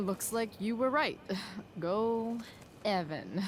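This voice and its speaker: A woman's voice: mid-range voice, expressive, drawn-out words. An actress playing a brash, rebellious teenage girl in a video game, slangy and sardonic. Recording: clear ambient noise behind voice.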